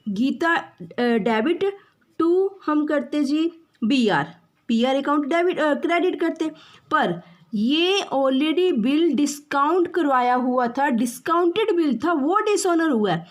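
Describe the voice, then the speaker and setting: A woman teaching an accounts class, explaining slowly and repeating key terms, mixing in English phrases. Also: sits high. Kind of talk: classroom lecture.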